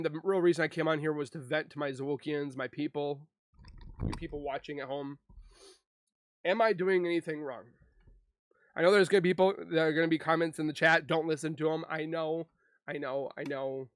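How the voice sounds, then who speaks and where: A man venting to his viewers in a vlog, halting and frustrated, and holding back tears as he speaks. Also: on the high side, dry recording. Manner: halting, frustrated, with frequent restarts. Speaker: YouTuber.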